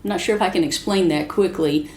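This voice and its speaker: A woman's voice: lowish voice, fast talker. American woman interviewer in an echoey room. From Arkansas, United States. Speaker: host, interviewer. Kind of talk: casual interview with explanations for learners.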